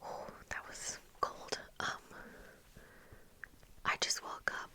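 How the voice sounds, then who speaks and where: In a small home room with bookshelves, a young adult woman who makes ASMR videos speaks in a breathy, soft whisper. She rambles casually and without hurry, close to a desk mic with a fluffy windscreen.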